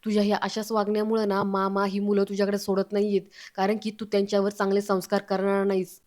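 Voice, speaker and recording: A woman retelling a TV serial episode, narrating and reading out every character's lines in a steady storytelling manner. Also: mid-range voice, quick pace. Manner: steady storytelling with quoted dialogue.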